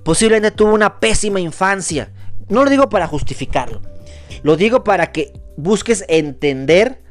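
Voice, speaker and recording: A man delivers an earnest, preachy motivational talk as a podcast host. His voice sits high for a man, and soft music plays faintly beneath it. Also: expressive, normal speed. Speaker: podcast host giving a reflection. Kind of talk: motivational monologue.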